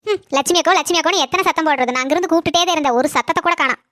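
A woman's voice: extremely high pitch, rapid-fire, sharp tone, dry recording, clean studio sound. A woman voicing a nosy neighbor in a cartoon who eagerly spreads street gossip, with a Kanyakumari Tamil accent. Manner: breathless, eager storytelling gossip. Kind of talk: cartoon comedy dialogue.

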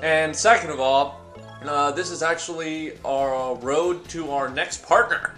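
A man's voice: on the high side, steady tone, unhurried, sharp tone, faint music behind. A young man giving casual, joking commentary while playing a video game, teasing his co-host. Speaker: let's play co-host.

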